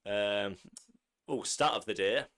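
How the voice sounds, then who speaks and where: A man's voice: on the low side, takes it slowly, fairly bright tone. A man co-hosting a football podcast in casual chat, chatty and laughing, a bit ill. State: ill, coughing. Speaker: podcast co-host.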